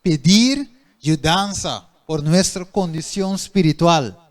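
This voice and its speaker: Guy preaching a sermon, kinda high voice, asks the church stuff then answers it himself. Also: slow pace. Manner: asks the congregation questions and answers them himself.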